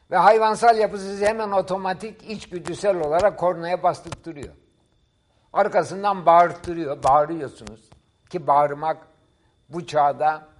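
A middle-aged man, a professor appearing as a guest, explaining ideas in a didactic, emphatic way during a talk-show discussion. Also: on the high side.

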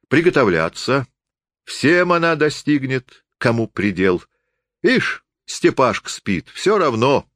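A man voicing a drunk, menacing old male forester who speaks hoarsely in slurred folksy speech. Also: mid-range voice, fairly bright tone, dry recording, clean studio sound, pitched above the performer's own voice.

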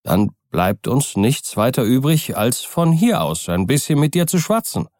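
A man voicing a good-natured lawyer in an audiobook, speaking up in a brisk, urging, hearty manner. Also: mid-range voice, big pitch swings, a little mellow, dry recording, clean studio sound, voice pushed up. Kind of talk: audiobook character reading.

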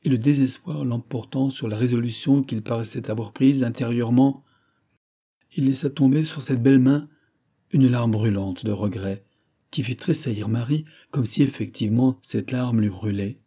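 A male reader narrating a classic novel in a measured, expressive audiobook style. His voice is very dark and mellow in tone. It also carries a husky, breathy grain. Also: medium pitch.

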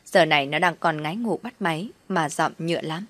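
A woman narrating a first-person story in a calm, steady voice. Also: sits low, a little fast, no echo.

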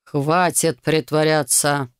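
A woman voicing a cruel middle-aged baron who speaks slowly, in a curt and menacing way. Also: low voice, level tone, smooth, no echo, clean studio sound. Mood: angry.

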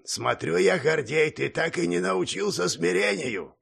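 A patient old monk speaks slowly and evenly, as a man puts him on. His voice is heavily gravelly and husky, pitched somewhat higher than a plain voice, and it rises and falls in a lively way. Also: full character voice. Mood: calm measured. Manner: calm, measured. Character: calm old male monk, sober and patient. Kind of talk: audiobook character voice.

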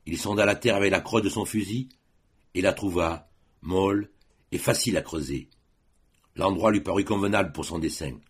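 A man reading a classic story aloud as an audiobook narrator, in a measured, dramatic way. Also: sits low, husky. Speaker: audiobook reader.

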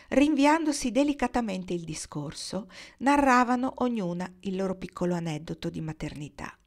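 A woman narrating a classic novel as an audiobook, reading in a measured, expressive way. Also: mid-range voice. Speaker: audiobook reader.

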